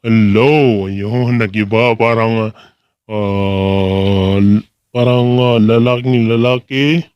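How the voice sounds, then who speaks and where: A man demonstrating audio gear, his voice run through a voice changer that pitches it deep, talking in a casual, halting way. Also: fairly even intonation, clean tone, no echo, lo-fi sound. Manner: halting, searching for words. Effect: voice changer shifting pitch deep. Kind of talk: casual product demo.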